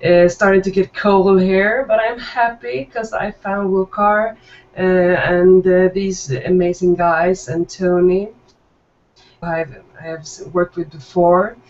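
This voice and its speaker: A woman from southern Sweden speaks upbeat and chatty, pausing on fillers. She sounds set back from the microphone. The audio is muffled and lo-fi, as over a web call. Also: fairly low pitch, fairly even intonation, darkish tone, distant mic. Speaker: panel guest. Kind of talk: casual self-introduction.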